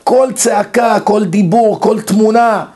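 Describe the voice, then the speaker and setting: A man's voice: steady tone, dark tone. A man giving a lecture, telling stories and acting out quoted dialogue as he goes. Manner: storytelling, acts out quoted dialogue with shifts in pitch. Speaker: religious lecturer. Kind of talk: lecture on the mind and soul.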